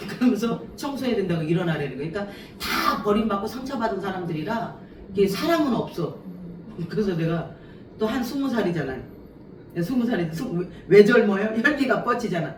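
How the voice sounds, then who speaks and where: Animated woman preacher in an echoey hall. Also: mid-range voice, fairly quick, background noise. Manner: animated, acts out quoted voices, laughs often. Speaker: revival preacher. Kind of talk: revival sermon with personal stories. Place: church sanctuary. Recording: echoey church hall, mic at a distance.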